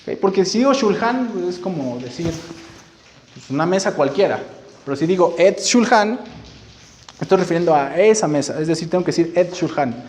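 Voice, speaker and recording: Guy teaching bible class, highish voice, keeps asking ok?, echoey room w faint hiss. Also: lively intonation, normal speed, a little mellow. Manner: checks in often with "ok?", explains patiently. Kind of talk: teaching bible study to a live group. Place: room with a listening group.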